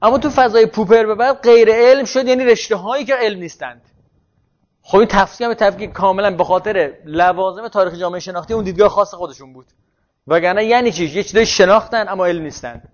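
A man giving a philosophy lecture, thinking aloud, asking himself questions and answering them, and stopping to correct himself. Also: high voice. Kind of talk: university lecture. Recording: muffled lo-fi classroom recording.

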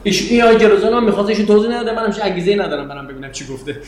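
A middle-aged man giving a university lecture in a conversational, digressive way, turning to his students with questions. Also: sits high. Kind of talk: classroom lecture. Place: classroom. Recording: echoey room, faint background ambience.

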